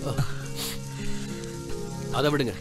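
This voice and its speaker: An actor dubbing a quiet young college student in a film, speaking plainly and gently. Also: male voice, drawn-out words. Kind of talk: dubbed film acting. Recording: film soundtrack with music behind.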